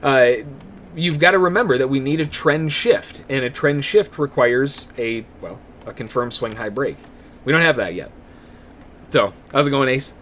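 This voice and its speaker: A man's voice: medium pitch, moderate pace, fairly bright tone, slight background noise. A man giving live day trading commentary, chatty and laughing often as he greets viewers in the chat.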